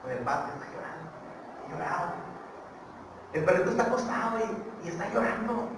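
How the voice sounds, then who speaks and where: A man preaching a sermon, repeating his points and swinging from quiet to loud. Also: sits high, lively intonation, fairly quick. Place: church. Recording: echoey church hall, distant mic, background noise.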